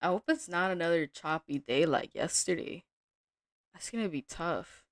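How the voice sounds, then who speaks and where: A woman day trader giving casual live-stream commentary from her home desk, thinking aloud in a relaxed way with small restarts. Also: fairly low pitch, normal speed, no echo, clean studio sound.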